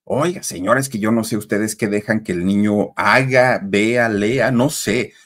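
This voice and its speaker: A man's voice: lowish voice, measured pace, a bit bright. Brief: concerned schoolteacher, scolding and insistent, male narrator voicing. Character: stern concerned primary school teacher.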